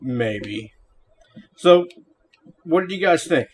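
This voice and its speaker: A man's voice: on the high side, animated, slow pace. A middle-aged man hosting a gameplay series, talking casually as he reviews a game.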